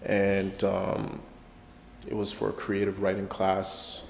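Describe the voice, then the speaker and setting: A man's voice: low-pitched, monotone, slow pace, vocal fry, reverberant, in a large hall, slight background noise. A man from Canada, a poet and guest, talking in a reflective and hesitant way, with many fillers. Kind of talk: spoken word performance then casual interview talk.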